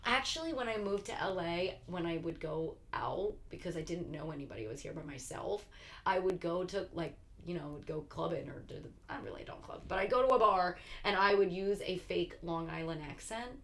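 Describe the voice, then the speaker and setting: A young woman from Philadelphia, a guest on a podcast, talking casually in an animated, rambling way with many fillers. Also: on the low side, brisk. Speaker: podcast guest, actor and writer. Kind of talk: casual conversation.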